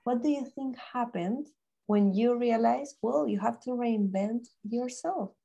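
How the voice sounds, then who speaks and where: A woman hosts an interview, feeling her way through each question with plenty of pauses and fillers. Her voice sits fairly high with a gravelly, creaky edge. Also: dark tone, lo-fi sound. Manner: halting, hesitant, many fillers. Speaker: host. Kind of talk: interview hosting.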